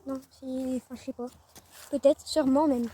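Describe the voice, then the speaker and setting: High-voiced chatty teen girl. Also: steady tone, moderate pace, mellow, slightly rough. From northern France. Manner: rambling, chatty, often trails off and restarts. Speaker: vlogger. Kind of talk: casual vlog. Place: outdoor garden by a chicken coop.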